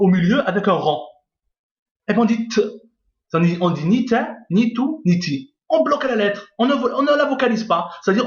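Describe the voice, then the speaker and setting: A man teaches a reading lesson in a patient, repetitive way, stopping often to check that his listeners follow. His voice sits a little high for a man. The recording is dull and lo-fi, with a roomy echo around him. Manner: patient, repeats each point and checks with "d'accord?". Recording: lo-fi echoey room.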